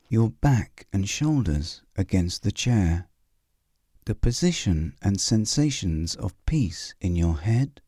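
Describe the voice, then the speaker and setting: Male meditation guide, soothing and unhurried, dry close recording. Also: low voice, warm tone, slightly rough, dry recording. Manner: slow, soothing, with long pauses.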